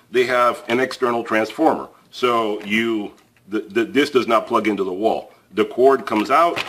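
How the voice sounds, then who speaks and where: Shot from overhead at an indoor table, this tool review host speaks in a fairly low but fairly bright voice. He talks to the camera in a relaxed, plain-spoken way as he handles a tool, often using fillers and starting sentences over.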